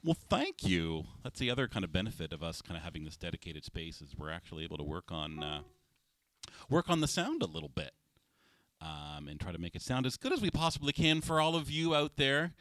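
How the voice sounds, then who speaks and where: A man's voice: sits low, big pitch swings, fairly quick, fairly bright tone, dry recording. A man in his forties co-hosting a live show-tunes stream from a home studio, heaping on praise with frequent laughs and fillers. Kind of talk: casual chat. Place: dedicated home recording space.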